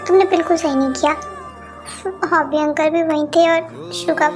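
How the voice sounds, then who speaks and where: A man's voice: very high voice, fairly even intonation, normal speed, music in the background. A female reader voicing a shy young man who whines and scolds in a flustered way in a fan audio drama. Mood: scolding.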